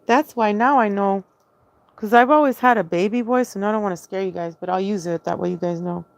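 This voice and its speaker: With no room sound, a woman of medium pitch talks fairly quickly with vocal fry, recounting her own story in a rambling, casual way. She frequently hesitates, restarts her sentences and spells some words letter by letter.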